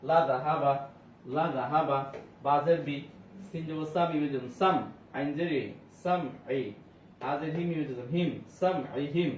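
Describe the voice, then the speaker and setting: A man teaching Quran reading, spelling out each word letter by letter and slowly chanting the verses. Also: fairly high pitch, steady tone. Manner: slow, repetitive drilling with melodic recited verses. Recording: roomy, dull distant sound with faint hiss.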